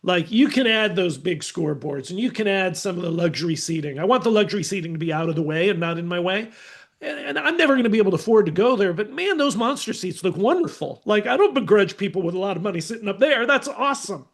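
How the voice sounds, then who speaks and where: A middle-aged man, a teacher, telling animated anecdotes as a podcast guest and acting out the people in them. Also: high voice, fast, gravelly. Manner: animated, acts out voices in anecdotes. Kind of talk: casual storytelling.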